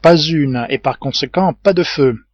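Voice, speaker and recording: A man reading the part of a gruff, hearty adult sailor who speaks in exclamations. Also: fairly high pitch, measured pace, no room sound, muffled recording.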